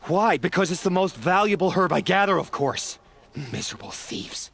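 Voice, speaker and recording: A man playing an aggrieved, excitable herb gatherer in a video game, with a dramatic, indignant delivery. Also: high voice, brisk, gravelly, heavily acted. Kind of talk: video game dialogue acting.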